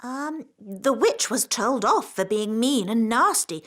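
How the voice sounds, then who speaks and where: A woman voicing a gentle fairy queen and mother in a children's cartoon, with a soft, patient storytelling manner. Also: a little high, animated, slow pace. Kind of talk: animated children's cartoon voice acting.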